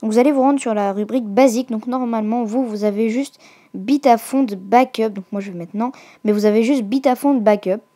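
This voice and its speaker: A woman hosting her own tech channel, talking through a casual screen-recorded tutorial in a hesitant way, often pausing and correcting herself. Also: a little high, warm tone. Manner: hesitant, filler-heavy, self-correcting. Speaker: YouTube tech channel host.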